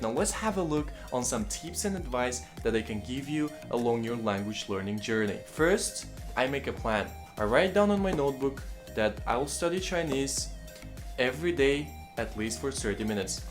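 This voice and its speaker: A young man from Kazakhstan, whose first language is Kazakh, gives casual study tips to camera as a language-learning vlogger. His voice is medium-pitched, and he's friendly, calls viewers "guys," and starts lines with lively emphasis.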